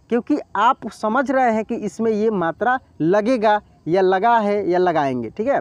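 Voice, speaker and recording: A man teaching reading in an online lesson, patiently spelling words out slowly, syllable by syllable. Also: high-pitched, dry recording.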